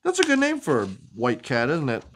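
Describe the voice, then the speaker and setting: A woman with a low voice hosts a children's storytime, reading in a hugely animated, sing-song, expressive way at a brisk pace. Along the way she turns to chat with a child and asks questions.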